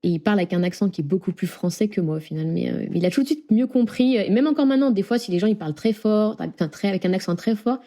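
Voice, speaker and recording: A woman's voice: mid-range voice, expressive, fast, hardly any pauses, warm tone. A young woman from near Lyon, chatting as an interview guest, with many fillers and frequent laughs. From France. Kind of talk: casual interview chat.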